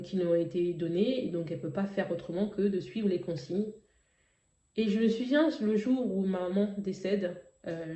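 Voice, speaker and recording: Woman, warm mellow voice, heartfelt hesitant testimony, roomy slightly dull recording. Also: fairly low pitch. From Africa. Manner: emotional, hesitant, many fillers and restarts. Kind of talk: personal testimony.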